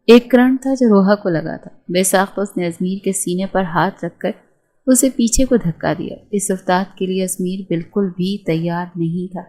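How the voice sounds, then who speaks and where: A woman narrates a romance novel in a steady, measured storytelling voice. Her pitch sits in an ordinary middle range. The tone is soft and mellow rather than bright. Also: rough recording.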